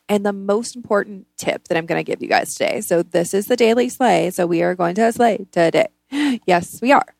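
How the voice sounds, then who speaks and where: Female podcast host, mid-pitched with noticeable fry, dry close sound; casual, blunt, emphatic motivational delivery. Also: a little mellow, no echo. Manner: informal, blunt, emphatic with repeated words. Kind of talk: casual motivational self-help podcast talk.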